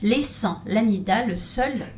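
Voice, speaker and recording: A woman's voice: on the high side, expressive, measured pace, heavy background noise. A woman giving a humorous stage talk, playful and theatrical, with laughing asides. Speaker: conference speaker. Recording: echoey hall, mic from far off.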